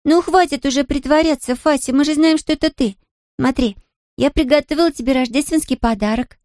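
A bright, chirpy little schoolgirl, put on by a woman reading a storybook aloud. Her voice sits very high and giggly, and the recording is close and dry. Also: fairly quick, no room sound, lightly acted. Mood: pleading. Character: excitable young girl, cheerful and chirpy.

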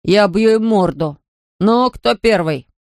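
A surly, rude young boy who drawls his threats, as a woman reading a storybook puts him on. His voice stays in a middle pitch, coarse and slow, recorded close and dry. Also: animated, a little mellow, dry recording. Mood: threatening.

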